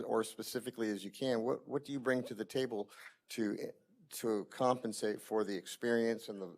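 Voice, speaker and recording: Low-voiced, halting commissioner man. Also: vocal fry, darkish tone. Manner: courteous and halting, repeating words as he gropes for phrasing. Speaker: city commissioner. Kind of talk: questioning at a public meeting. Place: city council chamber.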